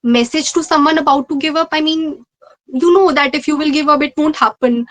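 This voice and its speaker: As an interview guest who ranked in a medical postgraduate exam, a young Indian-accented woman responds earnestly in a conversational manner, echoing phrases for emphasis. She talks fairly quickly in a high-pitched, fairly bright voice.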